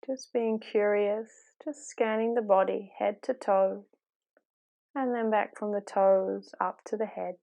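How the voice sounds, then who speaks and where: A meditation guide, a woman with a medium-pitched voice touched by vocal fry, gives soft instructions calmly and gently. She never hurries and leaves long pauses between phrases.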